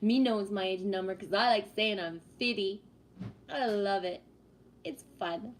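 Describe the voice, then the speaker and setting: Unhurried and medium in pitch, this livestream host is a woman in her fifties. She welcomes viewers and talks casually about spiritual subjects.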